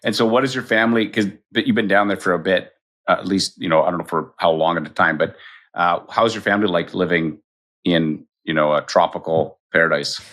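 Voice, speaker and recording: A male podcast host with a low voice talks quickly and sounds upbeat and encouraging. His tone is bright and forceful. He wraps up the episode by speaking straight to listeners. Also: fairly even intonation. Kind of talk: podcast interview and outro.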